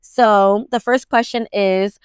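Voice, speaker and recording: A woman's voice: mid-range voice, steady tone, slow, clear, resonant tone, no echo, studio quality. A woman in her twenties hosting a casual podcast chat, rambling and filling her talk with "like". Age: 20s. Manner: rambling, heavy use of "like". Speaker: podcast host.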